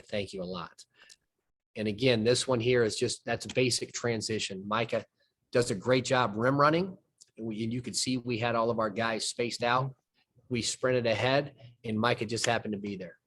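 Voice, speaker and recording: With some slight background noise behind him, a man with a mid-range voice talks through game film as a basketball coach. He's from the southern United States and lays out plays step by step in a folksy, conversational way.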